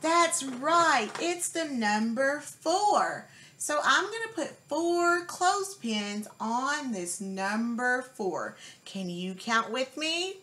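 A woman's voice: high voice, animated, sharp tone. A woman teaching a child to count, speaking as an encouraging teacher who asks questions and gives praise. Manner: slow, deliberate counting aloud.

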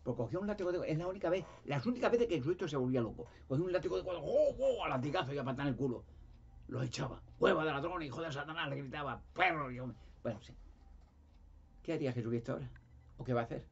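Man with a husky, mid-pitched voice, rambling insistently, on a muffled lo-fi recording. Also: racing, a little mellow. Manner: emphatic, repetitive, restarts words. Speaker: conspiracy talk guest. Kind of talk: rambling monologue. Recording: dull lo-fi sound.

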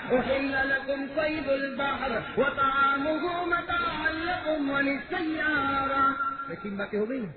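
A male preacher telling a story as a sermon, quizzing his audience and shouting to drive points home. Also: sits high, roomy sound. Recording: tinny lo-fi recording with loud crowd noise.

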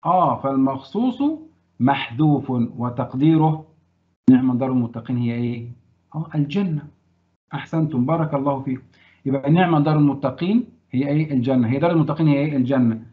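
A man's voice: mid-range voice, fast talker. Egyptian male teacher, tinny lo-fi sound. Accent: Egyptian Arabic. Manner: animated, quizzing students and praising answers. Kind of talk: classroom grammar lesson.

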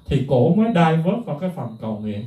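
A middle-aged man, a music teacher, talking casually to viewers in an animated, emphatic way. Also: a little high, fast talker, recorded from a distance, dull audio. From Vietnam. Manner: animated, emphatic, mimics others in a raised voice. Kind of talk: casual spoken talk to viewers. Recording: echoey room, voice from off the mic.

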